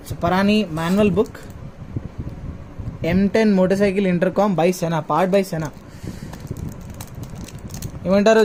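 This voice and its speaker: A motovlogger with a distinctly high voice and a Telangana Telugu accent chats casually during an unboxing vlog, mixing English words into his speech. Faint noise sits behind him.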